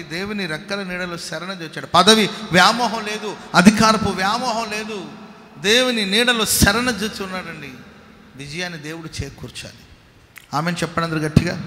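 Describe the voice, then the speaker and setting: Male pastor, sermon, high-pitched, rhetorical questions to congregation, loud calls then soft asides, roomy church hall echo. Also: a little hiss or hum. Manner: preaching to a congregation with rhetorical questions, urging claps and hallelujahs; swings between loud exhortation and low, quiet asides. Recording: echoey hall with long reverb.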